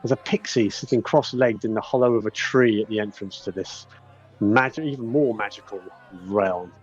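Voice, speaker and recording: A man narrating a tabletop game as game master in a casual, rambling, halting way. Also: on the low side, husky. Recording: dull, lo-fi sound.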